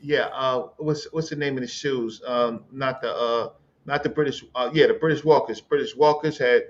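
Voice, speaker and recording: A man in his late fifties from the Bronx, debating in a halting way, with many fillers and restarts. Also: medium pitch, fairly even intonation, dull audio. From the Bronx, New York. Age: 50s. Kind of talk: heated debate.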